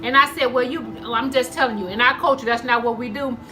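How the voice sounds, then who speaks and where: A woman's slightly high voice stays steady and sharp at a quick pace, with faint music behind. She's a mukbang vlogger chewing between phrases, telling her viewers stories conversationally, calling them y'all and acting out dialogue.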